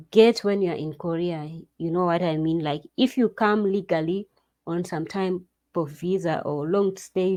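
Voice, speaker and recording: A vlogger offers job advice in casual talk to camera, her lowish voice slow and mellow. She speaks in an unhurried, loose way, with restarts and asides. This was captured as a screen-share recording.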